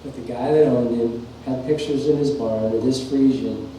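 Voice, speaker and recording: A man's voice: medium pitch, steady tone, normal speed, mellow. A middle-aged man telling folksy, rambling stories as a farrier instructor at a clinic presentation. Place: large workshop or clinic hall. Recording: echoey shop, mic far off, faint hum.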